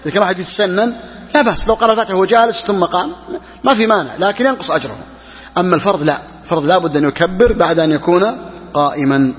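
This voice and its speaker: Man, fast lesson delivery, repeats phrases, reverberant hall, dull lo-fi sound. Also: sits high, lively intonation. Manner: quick, repeats key phrases for emphasis. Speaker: sheikh teaching Hanbali jurisprudence. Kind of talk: religious lesson explaining a text.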